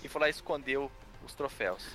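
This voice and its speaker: A man's voice: mid-range voice, brisk, pushed and bright, soft background music. A man with a Brazilian Portuguese accent co-hosting a podcast, joking and rambling through playful theories. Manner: jokey, rambling speculation with laughs. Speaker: podcast co-host. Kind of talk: casual comedic podcast banter.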